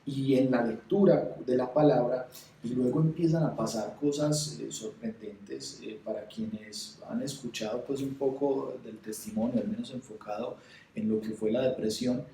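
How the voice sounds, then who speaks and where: A man tells his faith story in a halting, heartfelt way, often circling back over his words. His voice has a dark, mellow tone. He sits back from the microphone in an echoey room. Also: mid-range voice, fairly even intonation, distant mic, a little hiss or hum. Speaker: testimony speaker. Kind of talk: spoken personal testimony.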